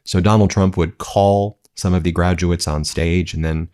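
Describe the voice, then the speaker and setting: A man's voice: low-pitched, fairly even intonation, normal speed, warm tone. A man hosting political commentary, talking in an indignant, incredulous way.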